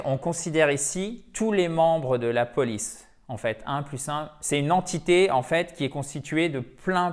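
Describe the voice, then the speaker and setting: A native French-speaking man giving an English grammar lesson, explaining patiently and often correcting himself. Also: on the high side. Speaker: English teacher.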